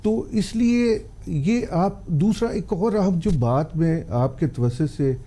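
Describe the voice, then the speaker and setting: A man's voice: high-pitched, takes it slowly, dark tone. An older man, a cancer specialist on a TV health talk show, giving earnest, pleading advice to the public. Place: TV studio.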